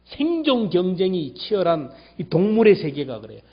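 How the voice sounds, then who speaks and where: High-voiced man preaching emphatically. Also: sing-song, normal speed. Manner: emphatic, repeats key words, swings between loud and hushed. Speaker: pastor. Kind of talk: sermon. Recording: dull lo-fi church recording.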